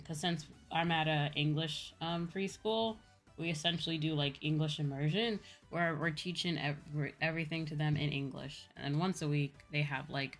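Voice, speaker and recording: Her voice sits low and sounds a bit bright as this livestreaming VTuber host talks casually with viewers. She explains things in a conversational way, often repeats her points, and has background music playing.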